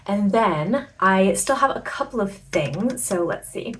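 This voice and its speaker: A woman's voice: medium pitch, lively intonation, unhurried, a bit bright. A tired woman chatting casually and wryly to camera as a book vlogger, her voice echoing in the room. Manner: chatty, informal, wry. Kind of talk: casual bookish chat to camera. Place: echoey room at home during packing. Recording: echoey room.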